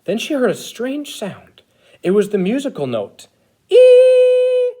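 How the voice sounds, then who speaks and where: A man playing an eager, childlike Christmas elf who reads a picture book to children in an expressive, exaggerated way. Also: very high voice, slow, exaggerated voice. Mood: eager storytelling. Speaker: storyteller reading to children. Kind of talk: animated picture-book read-aloud.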